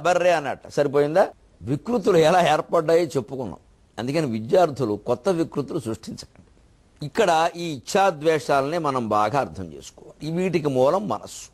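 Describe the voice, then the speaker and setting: Man, spiritual lecturer, devotional discourse, teacherly, explaining, fairly high pitch. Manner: teacherly, explains word meanings, chants verses slowly.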